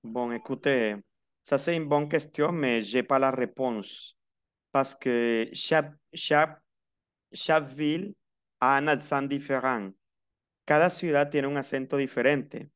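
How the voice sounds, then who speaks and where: A man with a Colombian coastal accent teaches a language class and moves between two languages as he goes. His voice is smooth and clear at an ordinary middle pitch. He explains patiently and repeats key words so his students can follow. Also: slow, fairly bright tone. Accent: Colombian Caribbean coast. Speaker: French teacher. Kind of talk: classroom lesson, mixing Spanish and French.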